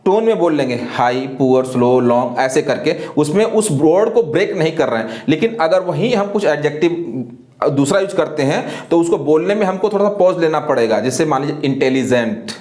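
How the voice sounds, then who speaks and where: A man teaching an English grammar lesson, who asks questions and answers them himself, slow and deliberate, often spelling words letter by letter. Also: fairly high pitch, animated, a little mellow, roomy sound. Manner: slow and deliberate, repeats filler phrases.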